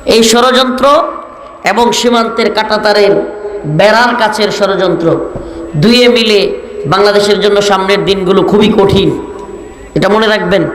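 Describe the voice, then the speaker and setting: A man from Bangladesh preaching a sermon, rhetorical and building to shouted emphasis. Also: sits high, moderate pace, long pauses. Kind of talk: Bengali waz sermon. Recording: echoey hall with faint noise.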